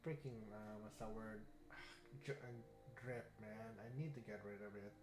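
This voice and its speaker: A man's voice: lowish voice, measured pace, background noise. A man streaming a video game, talking to his chat in a rambling, self-deprecating way and tripping over words. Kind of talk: casual gameplay commentary. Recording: echoey room, faint game music.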